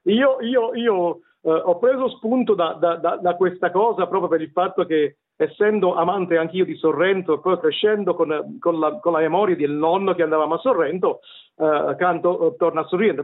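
A man's voice: fairly high pitch, normal speed. A middle-aged man with a Neapolitan accent telling his story as a radio interview guest, hesitant and wordy, often repeating words. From Naples, Italy. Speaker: interview guest, tenor and vocal coach. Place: remote call to a radio show. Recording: tinny phone-line radio call.

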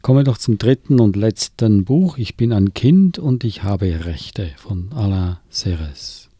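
Low, husky man hosting a radio show. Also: expressive, unhurried, warm tone, dry recording, studio quality. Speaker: radio host. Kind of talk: radio book talk.

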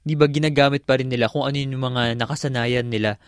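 Soft-spoken young Filipino co-host. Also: medium pitch, steady tone, fast, clean tone, no echo, clean studio sound. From Philippines. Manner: agreeable, many soft backchannels. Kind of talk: casual chat in a studio.

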